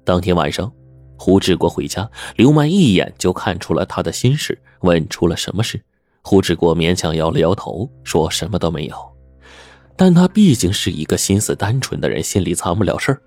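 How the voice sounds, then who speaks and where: A man tells a serialized story with dramatic flair. His voice sits deep and husky, swinging widely in pitch as he narrates. A soft music bed plays beneath him. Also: very animated, normal speed, no room sound.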